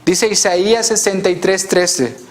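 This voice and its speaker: Male pastor, sermon; high pitch, slow and deliberate, earnest with rhetorical questions and soft hushed stresses. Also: fairly even intonation. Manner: drops to a soft hush on key phrases.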